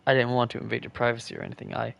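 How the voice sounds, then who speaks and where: A man's voice: mid-range voice, steady tone, racing, vocal fry, a bit bright, muffled recording. A man reading as a nervous, curious young guy. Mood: anxious.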